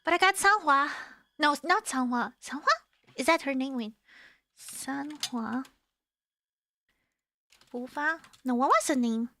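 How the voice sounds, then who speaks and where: A woman's voice: high voice, takes it slowly, long pauses, heavy background noise. A woman streamer chatting casually on a livestream, rambling and teasing, with restarts as she thinks aloud.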